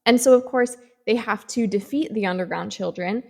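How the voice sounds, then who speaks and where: A woman chats through a spooky novel's plot in a lively, storytelling way, speeding up and slowing down for effect. She often drops in casual fillers as she goes. Her pitch sits in a middling range for a woman. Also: vocal fry. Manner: animated storytelling, tempo swings, frequent "like". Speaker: book reviewer. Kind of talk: casual book review vlog.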